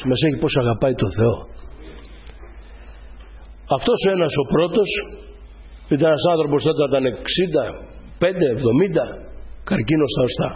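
A man's voice: a little high, dull audio. A middle-aged man preaching a sermon to his congregation, emphatic and repeating his key phrases.

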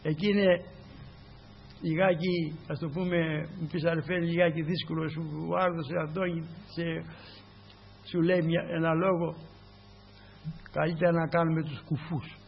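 A man preaches an informal sermon, fervent and repetitive, repeatedly calling out to his dear brothers. His fairly high voice is gravelly and husky. The recording is dull and lo-fi, with a steady mains hum underneath. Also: pauses often.

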